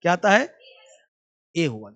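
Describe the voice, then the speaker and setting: A man's voice: fairly high pitch, sing-song, slow, a bit bright, highs cut off. Man teaching, drilling sounds over and over. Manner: drills sounds by repeating words and quizzing students; addresses students fondly as child. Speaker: English spelling teacher. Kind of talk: demo class lesson.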